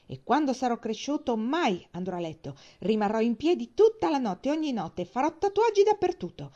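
A woman voicing an indignant, rebellious young boy who speaks in loud, defiant outbursts. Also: fairly high pitch, highs cut off, voice pushed up.

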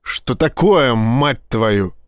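A man voicing a hot-tempered male police vice-admiral who swears in loud, agitated outbursts. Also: medium pitch, lively intonation, drawn-out words, dry recording, clean studio sound.

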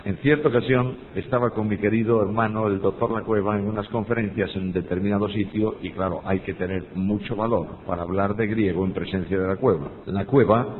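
Emphatic older Spanish Bible teacher, tinny hall audio. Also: male voice, steady tone, fairly quick, few pauses. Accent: Spain. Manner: emphatic, asks the audience rhetorical questions. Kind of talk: teaching on preaching, with personal anecdotes. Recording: tinny phone-like audio with long hall reverb and faint rumble.

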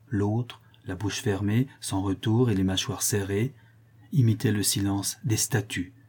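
Warm husky male storyteller. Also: lowish voice. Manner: measured, solemn storytelling. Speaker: narrator. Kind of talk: audiobook reading of a classic tale.

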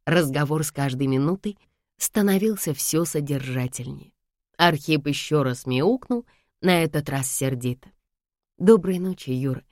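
A woman reading an audiobook in steady, measured scripted narration. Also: low voice, no echo, studio quality. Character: young woman heroine, lively, curious.

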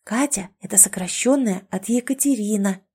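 A woman reading the lines of a feisty, sarcastic young woman in an audiobook, a touch higher than her own voice. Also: warm tone, slightly rough. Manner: quick-tempered, mocking.

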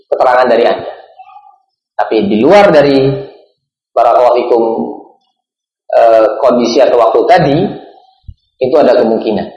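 Man, religious lecture, repeats a blessing, pauses often, echoey, muffled lo-fi. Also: medium pitch, a little mellow. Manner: repeats a set blessing, slow pauses, asks and answers himself. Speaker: preacher. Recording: roomy, dull lo-fi recording.

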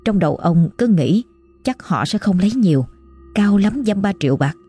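A woman giving measured, dramatic scripted narration of a ghost story. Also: mid-range voice, expressive, mellow, breathy edge, faint music behind.

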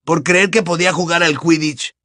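A man's voice: a little high, fairly even intonation, moderate pace, a bit bright, no echo, studio quality, voice pushed up, close to an everyday voice. A man voicing a miserable, guilt-ridden teenage boy in an audiobook, mumbling and downcast. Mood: glum. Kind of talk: audiobook character voice.

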